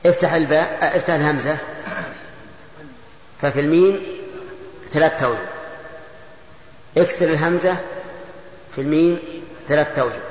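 A man's voice: a little high, moderate pace, pauses often. A man giving a classroom lecture on religious texts. He quizzes his listeners, answers his own questions, and drills word forms one by one. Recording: echoey hall, dull lo-fi sound.

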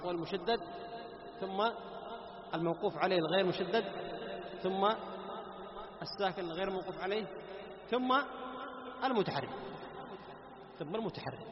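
A man's voice: high-pitched, moderate pace, pauses often. A man teaching a class on Quran recitation, asking his students questions, answering them himself and repeating key phrases. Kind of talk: classroom lecture. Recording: echoey hall with dull lo-fi sound and background noise.

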